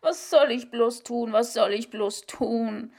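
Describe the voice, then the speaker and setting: A woman reading a story voices a frail, despairing nun of ninety-seven who wails in a high, drawn-out lament. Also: a little mellow. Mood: distraught wailing. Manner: high, slow, wailing lament. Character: frail 97-year-old nun, wailing in despair.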